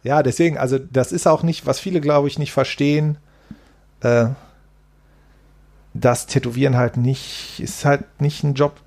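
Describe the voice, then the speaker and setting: A man in his forties talks as a guest from his tattoo shop. His voice is gravelly, with a rough edge of fry, and his pitch sits at a middle height. He rambles in a laid-back way, tagging sentences with a quick question and casual swearing. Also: fairly even intonation, a little mellow. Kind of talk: casual interview chat.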